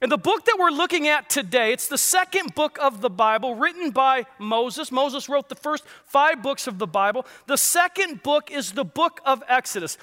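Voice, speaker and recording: In a large church hall, a lead pastor delivers a sermon, joking with the congregation and putting questions to them in a conversational way. His voice is very high-pitched and sharp, with a long reverb tail.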